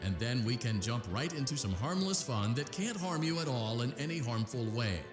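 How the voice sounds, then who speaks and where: Man playing an animated, salesman-like game announcer, music behind. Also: mid-range voice, normal speed, close to an everyday voice. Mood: falsely reassuring. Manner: salesman-like, smoothly reassuring. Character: upbeat corporate virtual reality game announcer glossing over danger. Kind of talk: scripted promotional narration.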